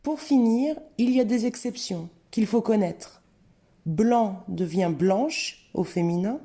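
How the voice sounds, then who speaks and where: A woman narrating a scripted language lesson, reading word pairs slowly and carefully. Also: medium pitch, animated, mellow. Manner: slow, careful, clearly spelled-out word examples. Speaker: French teacher.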